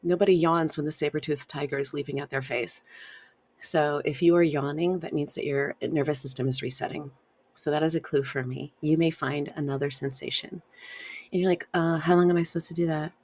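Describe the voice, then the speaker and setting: A woman hosting a wellness podcast, gently guiding listeners through emotional release steps, laughing and sighing often. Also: low voice, steady tone, fairly quick. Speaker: podcast host and wellness coach. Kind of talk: solo podcast teaching.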